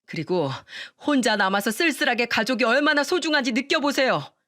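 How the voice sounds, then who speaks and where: An indignant husband scolding his own father, as a woman reading a radio story puts him on. His raised voice is sharp with reproach. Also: fairly high pitch, expressive, fairly quick, voice pushed up. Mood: angry. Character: angry grown son, the husband.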